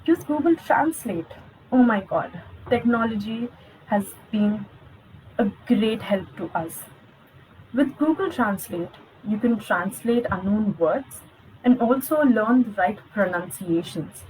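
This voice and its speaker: A woman's voice: mid-range voice, animated, slow, a little mellow, a little hiss or hum, low-quality recording. A young woman, giving an encouraging online lesson as a spoken coach, speaking directly to her viewers. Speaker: spoken English skills coach.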